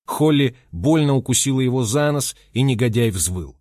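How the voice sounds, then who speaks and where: A man reading a first-person audiobook in a lively, expressive way. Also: mid-range voice, moderate pace, no echo, studio quality. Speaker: audiobook narrator.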